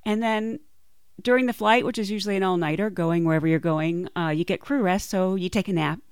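A woman's voice: fairly low pitch, brisk, smooth, dry recording, clean studio sound. A woman casually telling personal stories as a podcast host. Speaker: podcast host and flight attendant.

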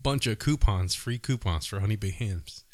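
A man's voice: on the low side, moderate pace, no room sound, studio quality. A man co-hosting a podcast, chatting casually. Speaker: podcast co-host. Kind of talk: casual chat.

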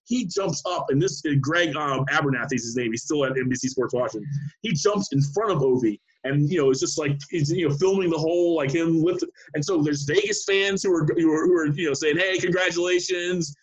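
A man who works as a sports writer, telling an animated anecdote in casual chat with many restarts. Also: fairly high pitch, a little fast, breathy edge, lo-fi sound.

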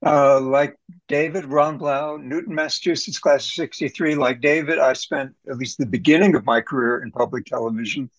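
Older guy, halting casual intro on a video call, muffled sound. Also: mid-range voice, fairly even intonation. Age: 80s. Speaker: panel guest.

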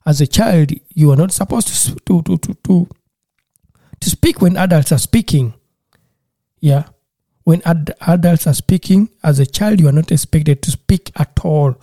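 In a casual interview, a Ugandan man talks earnestly and a bit haltingly, frequently repeating words as he starts over. His voice is very dark and mellow, though on the high side, and the recording is dry and close.

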